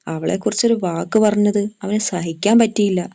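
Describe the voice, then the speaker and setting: A woman's voice: mid-range voice, a little fast, creaky, dark tone. A woman voicing a scheming middle-aged aunt who speaks in an insinuating, complaining way. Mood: scornful.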